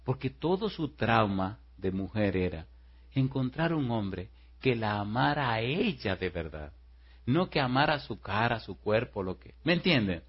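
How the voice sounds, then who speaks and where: A male pastor telling a story in a sermon, animated, with frequent asides to the congregation. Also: on the low side, a little slow, husky. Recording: muffled lo-fi recording.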